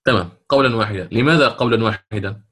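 A man teaching Quran recitation rules. He explains them step by step, drawing out the recited examples slowly and often checking with his students. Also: lowish voice, fairly bright tone. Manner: slow, drawn-out recitation of examples between plain explanation; asks check questions of students. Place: lesson recorded for an online institute.

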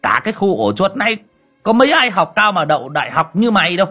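A man's voice: sits high, sing-song, fast, bright, forceful tone, breathy edge, soft background music, voice pushed up, heavily acted. A man voicing an approving, fatherly older male butcher. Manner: praising, fatherly.

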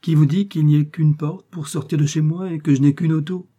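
A man's voice: on the high side, fairly even intonation, fairly quick, dark tone, slightly rough, pitched above the performer's own voice. A man reading aloud as a mysterious, self-assured young woman with a playful, mocking manner. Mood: teasing.

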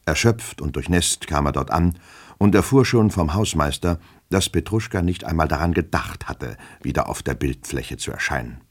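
A man narrating a classic novel in a measured, expressive literary reading. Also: rumbling low, slightly rough.

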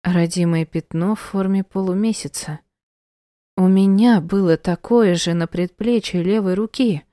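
A woman's voice: medium pitch, unhurried, mellow, no echo, studio quality. A woman narrating an audiobook in the first person, reading with strong emotion.

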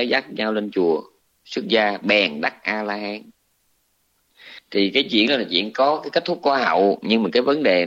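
Southern Vietnamese monk telling a scripture tale. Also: male voice, fairly low pitch. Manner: colloquial, animated retelling with restarts. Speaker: Buddhist monk teacher. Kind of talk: dharma talk storytelling. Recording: dull lo-fi recording.

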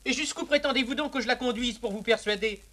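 A man's voice: very high voice, fast talker, a bit bright. An actor playing a sly, scheming male valet in a 1950s classical stage comedy, wry and theatrical. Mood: mocking. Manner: wry, theatrical, relishes his own cleverness.

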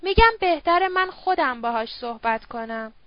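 A woman voicing a drunk, smooth-talking middle-aged male opium user who coaxes and wheedles. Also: high-pitched, lively intonation, no echo, highs cut off. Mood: coaxing. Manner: wheedling, slurred persuasion.

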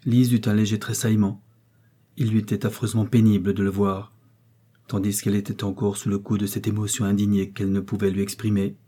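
A man narrating a novel in a steady, measured reading. His voice is low and husky, with a dark, mellow tone. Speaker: audiobook narrator. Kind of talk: scripted narration.

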